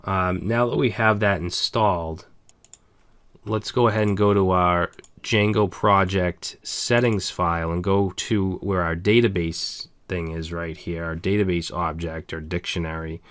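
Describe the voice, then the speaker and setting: Deep-voiced man teaching a coding screencast. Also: fairly even intonation, unhurried, a bit bright, clear, resonant tone, no room sound. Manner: casual step-by-step explaining with frequent "okay" and "all right". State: slightly hoarse, losing his voice. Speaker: programming instructor.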